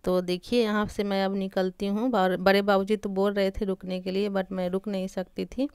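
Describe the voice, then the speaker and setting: A woman's voice: medium pitch, level tone, normal speed, a little mellow, smooth, dry recording, clean studio sound. A young woman narrating a family vlog, chatty, walking viewers from room to room. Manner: chatty, guides viewers around while walking. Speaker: vlogger. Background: music.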